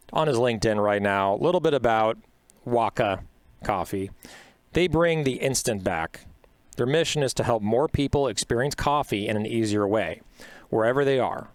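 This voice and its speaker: This man hosts a podcast interview from a studio, his voice sitting on the low side with no echo. His manner is upbeat and talkative, sprinkled with lots of uhs and other fillers.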